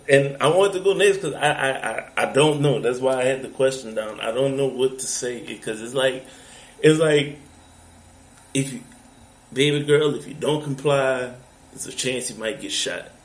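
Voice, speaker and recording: A man in a casual group discussion, talking haltingly and repeating words as he works through his thoughts. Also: mid-range voice, fairly bright tone, echoey room, rough recording.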